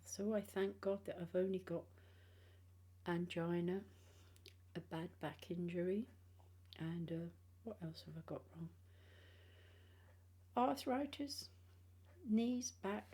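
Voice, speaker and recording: Older british lady w missing front teeth, tired n rambling vlog chat, husky and soft-toned. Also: fairly low pitch. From England. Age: 60s or older. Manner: halting, rambling, trailing phrases. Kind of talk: casual personal vlog chat.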